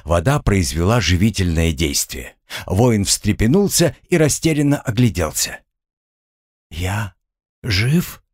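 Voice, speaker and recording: A man reading a fantasy novel aloud as an audiobook narrator, in a measured storytelling manner. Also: on the low side, expressive, a little mellow, no room sound, studio quality.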